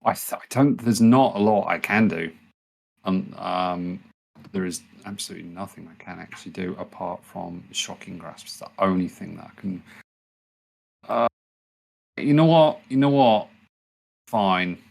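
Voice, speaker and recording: A man's voice: deep voice, fairly even intonation, normal speed, creaky, breathy edge. A man playing a tabletop game, hesitant and stammering as he decides his moves. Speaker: player. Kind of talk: casual tabletop play.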